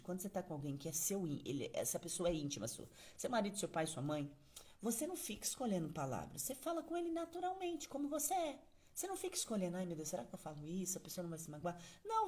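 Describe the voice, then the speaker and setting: A Brazilian woman preaching a morning devotional. She talks to her listeners in a familiar, conversational way and slips into casual acted-out prayers. Her voice sits at an ordinary middle pitch. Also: a little mellow. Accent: Brazilian Portuguese.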